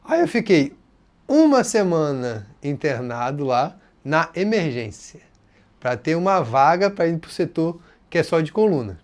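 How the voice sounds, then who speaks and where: This channel host is a man from Rio de Janeiro, Brazil, with a carioca Portuguese accent, speaking in a fairly high voice at a measured pace. He casually tells his viewers a personal story, expressive and acting out other people's words as quotes.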